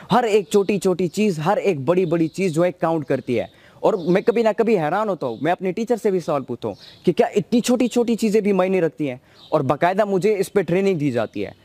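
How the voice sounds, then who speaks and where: Earnest man explaining, slightly high voice. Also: a little mellow, no room sound. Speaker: communication skills speaker. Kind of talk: explanatory talk.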